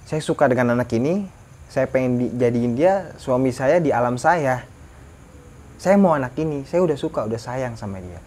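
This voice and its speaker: A man's voice: medium pitch, animated, moderate pace, darkish tone, natural voice. A man voicing a lovesick female crocodile spirit, quoted plainly in a spoken ghost story. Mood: earnest.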